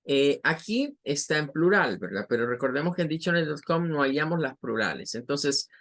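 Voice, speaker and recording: A man's voice: on the high side, animated, brisk, a bit bright. A male English teacher with a Latin American Spanish accent, giving a vocabulary lesson and patiently repeating each word for pronunciation.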